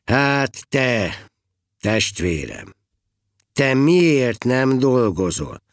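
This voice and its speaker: A man's voice: medium pitch, sing-song, no echo, clean studio sound. A man doing a stern, scolding abbot. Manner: scolding, commanding. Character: stern older male abbot, vexed. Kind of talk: storybook reading.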